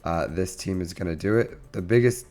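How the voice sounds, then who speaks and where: A man who sounds under the weather, giving casual, halting gameplay commentary as the host of a gaming channel. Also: low voice, a little mellow. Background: music.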